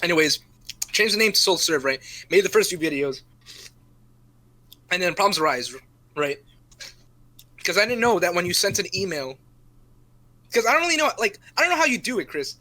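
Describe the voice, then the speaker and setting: Bright-voiced young guy rambling, swearing. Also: high-pitched, animated, moderate pace, long pauses. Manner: rambling, swears a lot, keeps adding "right?". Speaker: podcast co-host. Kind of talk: casual chat.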